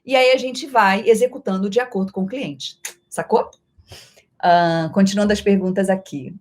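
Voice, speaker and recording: A middle-aged Brazilian woman, a voice actress, answering viewer questions in a playful live-stream chat that often shifts in loudness and speed. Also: mid-range voice, moderate pace. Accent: Brazilian Portuguese.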